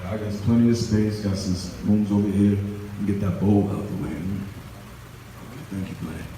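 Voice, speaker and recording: A man's voice: lowish voice, fairly even intonation, moderate pace, background noise. A man giving an earnest, conversational motivational speech to a live crowd at an event, often repeating his words. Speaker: event speaker. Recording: echoey hall, recorded from far off.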